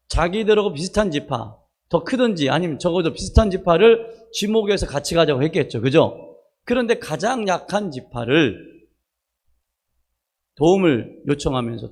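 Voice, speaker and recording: A man, a pastor preaching a sermon in a chatty way, telling personal stories and asking the congregation for an amen. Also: high-pitched. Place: church worship service.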